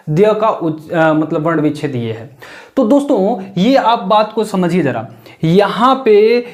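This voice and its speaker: A male teacher explaining a lesson step by step, asking questions and answering them himself and repeating the key points. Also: high voice. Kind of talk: classroom-style lesson.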